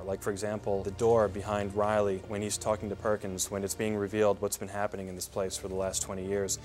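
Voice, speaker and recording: A low-pitched man gives a behind-the-scenes interview as a film director. He explains things reflectively, and music plays clearly behind his voice. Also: a little mellow.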